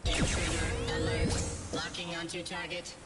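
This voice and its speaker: A woman voicing a calm female security computer in a video game, giving clipped, even alert announcements. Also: deep voice, unhurried, loud music behind the voice. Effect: game security system voice.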